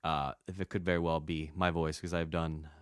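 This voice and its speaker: An American man chats as a podcast guest in a loose, self-deprecating way, often restarting his sentences. His voice sits very low. The recording is dry and close. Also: level tone, brisk, smooth, no room sound. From United States. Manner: rambling, self-mocking, with frequent restarts and acted-out quotes. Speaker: guest comedian. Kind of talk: casual podcast interview.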